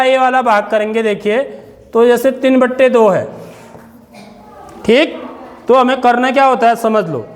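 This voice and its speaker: A man's voice: very high-pitched, long reverb tail. A male teacher, giving a maths lesson to children in a classroom and often asking them questions. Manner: questioning, repeats "theek hai" often; stern with inattentive children.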